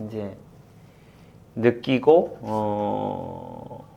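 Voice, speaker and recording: A man in his fifties, a football coach, talking through memories in an interview with many pauses and fillers. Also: lowish voice, gravelly, dark tone. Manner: halting and reflective, many fillers, laughs while retelling. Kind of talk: candid interview.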